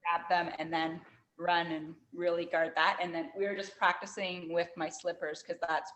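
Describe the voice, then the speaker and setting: A woman's voice: fairly low pitch, little pitch movement, moderate pace, a bit bright, a little hiss or hum, rough recording. A woman dog owner in a training class, telling rambling stories about her puppy's habits. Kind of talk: casual chat.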